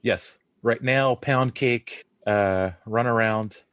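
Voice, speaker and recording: A man's voice: medium pitch, slow, fairly bright tone, clear, resonant tone, dry recording. A man in his forties hosting a casual podcast over a video call, rambling and laughing often. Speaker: podcast host. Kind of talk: casual chat. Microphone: recording over a video call.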